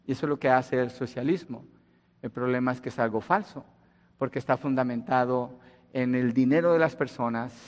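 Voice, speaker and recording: A man's voice: on the high side, fairly bright tone. A man from Colombia preaching a sermon in a conversational way, asking rhetorical questions and rising in emphasis. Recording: long hall reverb.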